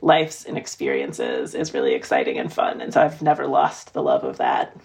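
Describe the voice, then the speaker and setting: A woman's voice: a bass voice, very animated, normal speed, vocal fry, darkish tone. A middle-aged woman author from the American Midwest, talking thoughtfully in an interview with many "you know" fillers. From Midwestern United States. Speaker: author guest. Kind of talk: conversational interview.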